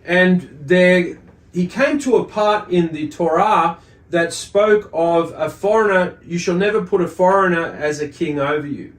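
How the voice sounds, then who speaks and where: A high-voiced man leads a religious study lesson, reading and explaining commentary in a slow, halting manner full of pauses and repeated words. The room sounds echoey.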